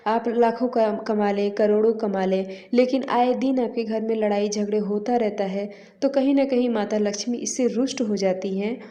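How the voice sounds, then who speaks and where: A woman's voice: mid-range voice, fairly even intonation, moderate pace, hardly any pauses, dark tone, lo-fi sound. A woman vlogger giving household advice to her viewers in a casual, instructive way, calling them friends.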